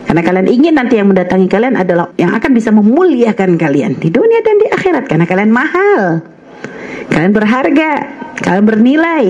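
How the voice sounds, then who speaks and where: A woman's voice: fairly high pitch, very animated, a little fast, a little mellow, dull audio. Earnest woman preaching to young listeners. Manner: earnest, admonishing, calls listeners child. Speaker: Islamic religious teacher. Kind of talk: radio religious lecture to young women.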